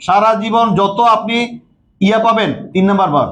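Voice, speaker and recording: A man teaching English grammar, repeating key words and quizzing the class with quick questions. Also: sits high, a bit bright. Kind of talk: classroom lecture.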